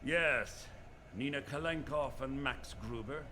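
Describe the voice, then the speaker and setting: An actor playing a suave, politely menacing villain boss in a video game, formal and mockingly courteous. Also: male voice, medium pitch, slow pace, pushed and bright, slight background noise. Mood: smooth menace.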